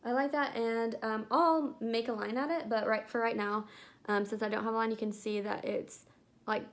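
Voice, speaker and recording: A woman's voice: a little high, fairly even intonation, moderate pace. A young woman chatting casually about makeup, rambling with lots of filler words. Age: young adult. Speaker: beauty vlogger. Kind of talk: casual chat.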